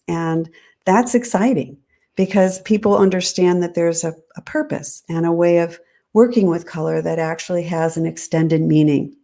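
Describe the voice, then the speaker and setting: A woman designer as an interview guest, explaining her ideas in a measured, thoughtful way. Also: fairly low pitch, dark tone. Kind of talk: interview answers.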